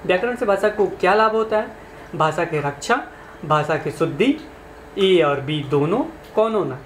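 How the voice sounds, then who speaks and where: A man's voice: sits high, animated, a little slow. Guy explaining test questions, asks stuff back, roomy echo. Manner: conversational, asks listeners questions. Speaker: exam prep teacher. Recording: echoey room, faint background noise.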